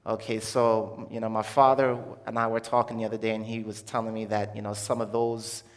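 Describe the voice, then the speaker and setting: His voice is lowish and brisk, with little pitch movement, as he tells an audience his faith story in an informal, conversational way, often hunting for the right word. The man came from Jamaica to Brooklyn, New York as a child, and the recording has the long reverb of an echoey hall.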